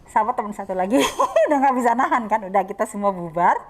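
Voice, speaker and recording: A middle-aged woman, telling stories as an interview guest in a casual, animated way and laughing as she talks. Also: medium pitch, quick pace. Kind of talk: casual storytelling chat.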